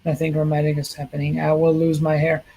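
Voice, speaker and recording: A man's voice: monotone, fast, mellow, low-quality recording. A middle-aged man talking casually and rambling a little as he gives a livestream update from a hospital room. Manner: low-key and rambling. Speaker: streamer giving a health update.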